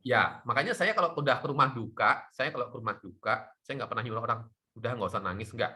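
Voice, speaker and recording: A middle-aged man, a doctor, explaining health topics in a lively talk show chat. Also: mid-range voice, fast. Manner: lively, animated explaining with laughs.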